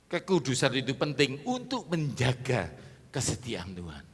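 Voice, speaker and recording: A middle-aged male preacher delivers an emphatic sermon, his voice bright and swinging widely in pitch. He keeps rousing the congregation for amens and applause. The sound rings with the long reverb of a large church hall. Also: huge pitch swings, moderate pace, slightly rough.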